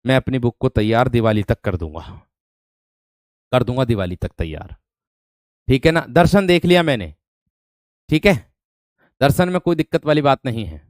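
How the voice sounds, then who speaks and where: Clear-voiced male online teacher. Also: mid-range voice, expressive, normal speed, long pauses, darkish tone, no room sound, clean studio sound. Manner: repeats words, asks rhetorical questions, calls listeners "my friend". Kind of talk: online spelling lesson.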